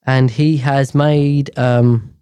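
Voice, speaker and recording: A man's voice: mid-range voice, steady tone, very slow, mellow, clear, resonant tone, dry recording. A man hosting a podcast, reading the news aloud in a stumbling way and rambling off into irreverent, swearing asides. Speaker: podcast host. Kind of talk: casual chat while reading news aloud.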